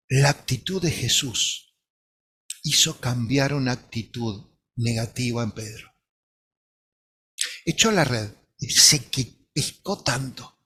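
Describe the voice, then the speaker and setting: A man's voice: medium pitch, slow pace, long pauses, a bit bright, breathy edge. A man preacher giving a sermon, retelling a scene with earnest, imaginative storytelling.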